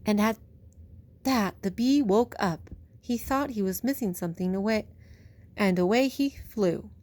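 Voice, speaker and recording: A woman with a mid-range voice reads a picture book aloud for young children, telling it expressively and stretching out phrases like a bedtime story. She's unhurried, and her medium-pitched voice has a warm tone.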